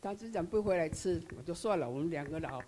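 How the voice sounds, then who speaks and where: An older woman with a Taiwanese Mandarin accent, telling her personal story in a halting, earnest way, full of tag particles. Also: lowish voice, expressive, over a noisy crowd. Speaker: member sharing her experience. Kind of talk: personal testimony.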